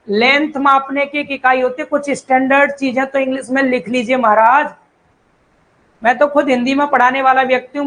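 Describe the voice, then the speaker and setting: This low-quality clip features a male civil engineering teacher, high-voiced and fairly bright, lecturing online to exam candidates. Definitions come slowly in English, then get explained in Hindi. Key terms are repeated, and students are called brother and child.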